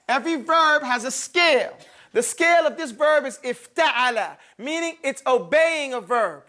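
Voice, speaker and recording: A man's voice: very high voice, pushed and bright. A man teaching an Arabic grammar lesson in a mosque classroom, quizzing his students and drilling terms by repeating them.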